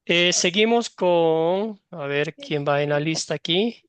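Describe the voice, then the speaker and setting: A man's voice: on the high side, slow, clear, resonant tone, dry recording. Man hosting an online Bible class. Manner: gently guides students, calls on each in turn. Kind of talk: warm welcoming class moderation.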